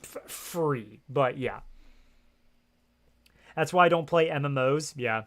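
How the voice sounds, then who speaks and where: A man streams a video game from his home setup, talking casually into a gaming headset with lots of fillers and frequent swearing as he rambles. His voice is on the high side, slow-paced, and a bit bright.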